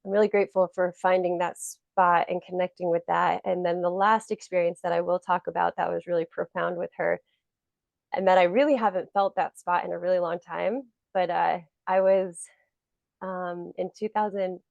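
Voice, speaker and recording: Rambling woman podcast host, low dry voice. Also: little pitch movement, normal speed, gravelly, darkish tone, no echo, muffled recording. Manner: rambling, many "like" fillers. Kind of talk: casual chat.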